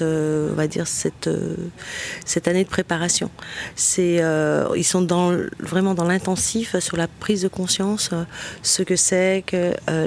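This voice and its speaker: Halting speaker with faint noise behind. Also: mid-range voice. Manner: halting, many fillers and restarts. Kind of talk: interview answer.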